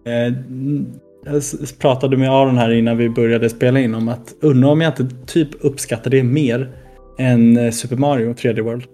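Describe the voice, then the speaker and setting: A man's voice: medium pitch, steady tone, mellow, soft background music. A man co-hosting a casual podcast chat, talking enthusiastically about games he has been playing. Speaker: podcast co-host.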